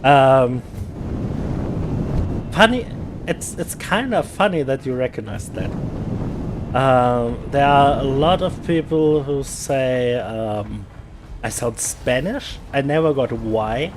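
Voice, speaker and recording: A German gaming streamer with a German accent chats casually during gameplay, often repeating words and pausing with fillers. His mid-range voice is expressive, with background noise present.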